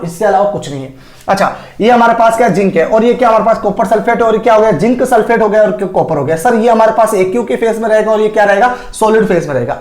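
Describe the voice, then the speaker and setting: Male chem teacher, fairly high voice, keeps asking then answering his own questions, echoey classroom sound. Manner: asks questions and answers them himself; homely Hindi analogies, calls students sir. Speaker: chemistry teacher. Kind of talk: classroom lecture. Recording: echoey room.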